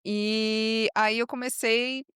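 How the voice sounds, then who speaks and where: Brazilian woman, 30s, São Paulo coast accent, smooth voice, dry close sound. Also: on the high side, little pitch movement, a bit bright, dry recording. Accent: São Paulo coast Brazilian Portuguese. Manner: speaks slowly and clearly, laughs easily. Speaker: interview guest. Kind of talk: casual interview.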